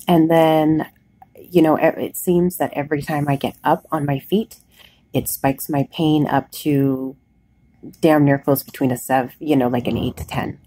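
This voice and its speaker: A woman recording a casual, candid video diary, sounding weak and worn out after surgery, talking haltingly. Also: deep voice, dark tone, husky, no room sound, rough recording. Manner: candid, plain-spoken. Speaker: patient vlogger recording a recovery diary. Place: hospital bed, indoors.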